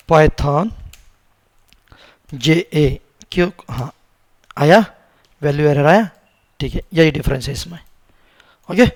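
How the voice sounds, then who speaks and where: Slow, repetitive man with sore throat. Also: fairly high pitch, dry recording. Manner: slow, repeats words many times while typing; asks the viewers questions as he teaches. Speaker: programming instructor. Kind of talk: screen-recorded coding lesson.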